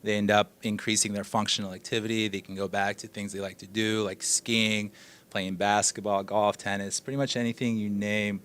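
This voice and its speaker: A man from Russia who works as an orthopedic surgeon, giving interview answers in a measured, explanatory way. His voice is fairly low, and it stays even with little rise and fall.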